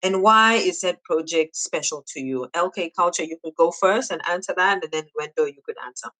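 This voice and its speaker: Podcast host, gushy, says it again and again, middle pitch. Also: fairly quick, poor audio. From Zambia. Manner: warm, effusive, repeats praise. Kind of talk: interview podcast.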